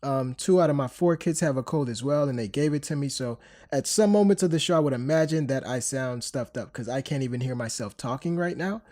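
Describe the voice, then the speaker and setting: A podcast host in his thirties, sounding stuffy from a cold, chats loosely in a medium-pitched, mellow voice at a brisk pace. His casual talk is full of fillers and restarts.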